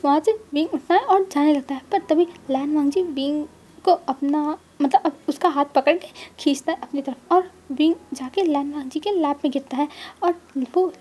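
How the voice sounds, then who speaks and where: A woman's voice: high voice, moderate pace, mellow. A woman casually retelling a fan story in a chatty way, linking every line with "then he says". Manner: chatty, keeps repeating "then he says" links.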